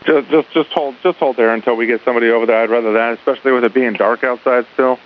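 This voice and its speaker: A man's voice: mid-range voice, fairly even intonation, fast talker. A male air traffic controller giving instructions over radio in a conversational, repetitive way. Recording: phone-like narrow radio with faint hiss.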